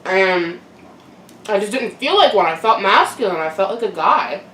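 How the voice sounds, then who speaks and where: A young adult woman giving a casual, candid personal monologue to camera in a reflective, halting way with frequent pauses. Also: medium pitch, lively intonation, fairly bright tone. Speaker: mukbang vlogger. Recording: roomy echo, distant mic, background noise.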